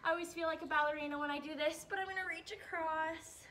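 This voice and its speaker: A young woman teacher leading warm-ups and stretches for kids, upbeat and a bit out of breath, checking in often. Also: very high voice, steady tone, fast, distant mic, a little hiss or hum. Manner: upbeat coaching, checks in with "all right?". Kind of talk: guided exercise instruction.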